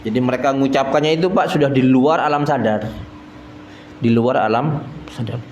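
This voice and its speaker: A man's voice: medium pitch, moderate pace, darkish tone. A man gives a folksy study sermon in a prayer hall, often turning to the listeners as sir. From East Java, Indonesia. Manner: folksy, keeps addressing listeners as sir, chuckles at own jokes. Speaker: religious teacher. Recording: echoey prayer hall, faint noise.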